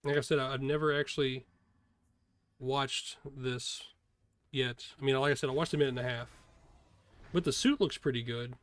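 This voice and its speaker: A man's voice: mid-range voice, steady tone, normal speed, pauses often, no echo. A man giving casual, informal first-impressions commentary as a streamer, talking in a hesitant way. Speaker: video host, streamer reacting to a game trailer.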